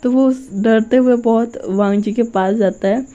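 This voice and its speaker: A woman's voice: fairly high pitch, fairly even intonation, unhurried, dark tone, muffled recording. Chatty woman retelling a story. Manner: chatty, filler-heavy retelling. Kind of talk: casual story explanation.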